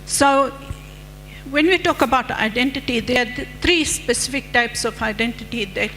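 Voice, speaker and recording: Conference speaker: middle-aged woman, fairly high voice, measured lecturing delivery, reverberant hall with faint hum. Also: a bit bright. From Fiji. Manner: measured, lecturing with rhetorical questions. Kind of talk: conference presentation.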